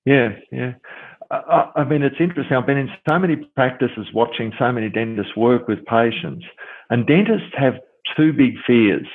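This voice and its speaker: A man's voice: mid-range voice, moderate pace, slightly rough, dry recording. Man telling stories over a tinny line. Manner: animated storyteller, acting out dialogue with many "you know"s. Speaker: dentist and dental coach. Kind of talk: podcast interview.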